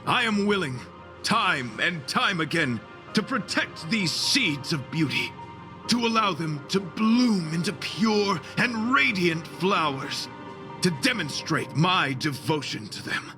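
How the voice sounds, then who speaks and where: For video game character dialogue, a male actor plays a chivalrous young knight devoted to beauty, speaking in a formal, flowery and solemn manner. His voice is high-pitched, sing-song and exaggerated, slow-paced, with music in the background.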